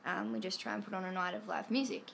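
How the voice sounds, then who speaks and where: A woman's voice: medium pitch, steady tone, fast, vocal fry, fairly bright tone, slight background noise. A woman with a nasal voice, a guest musician in a casual chat, easygoing and thinking aloud as she talks.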